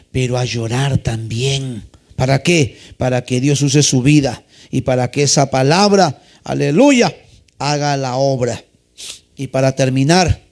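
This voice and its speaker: A man's voice: sits high, darkish tone. A male pastor preaching a sermon, asking questions of the congregation and dropping frequent hallelujahs. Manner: preaching with frequent "aleluya" and call-and-response questions.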